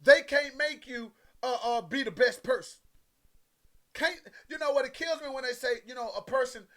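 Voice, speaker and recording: A man's voice: very high-pitched, moderate pace, fairly bright tone. A man giving a motivational sermon, preaching emphatically and repeating his points, with a conversational, folksy way of talking to his listeners. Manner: emphatic, repetitive preaching with direct address to listeners.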